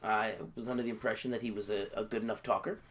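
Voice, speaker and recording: Halting, lower-voiced man narrating gameplay. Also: level tone, a bit bright, slight background noise. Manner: halting, many fillers and repeated words. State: sleepy, yawning early in the day. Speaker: host playing a wrestling booking game. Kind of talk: casual gameplay commentary.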